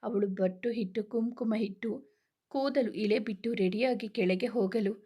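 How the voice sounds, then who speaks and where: A woman narrating a romantic audio story at an even, unhurried pace. Her voice sits a little high, and her reading stays gentle and steady. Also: slightly rough.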